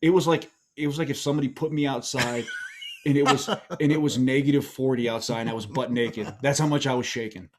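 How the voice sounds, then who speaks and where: A man's voice: mid-range voice, steady tone, quick pace, slight background noise. A middle-aged man with a Pittsburgh accent, co-hosting a podcast and telling a long self-deprecating story in a rambling, casual way. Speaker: podcast co-host.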